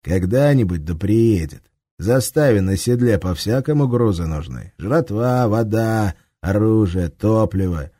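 A man's voice: lowish voice, expressive, unhurried, dark tone, no echo, clean studio sound. A man voicing a tough army warrant officer who gives coarse, contemptuous orders. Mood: gruff.

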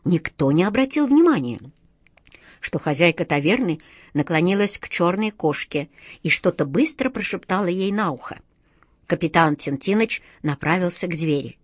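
A woman narrating a children's storybook with expressive, lively delivery. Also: on the low side, normal speed, no room sound, clean studio sound. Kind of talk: storybook reading.

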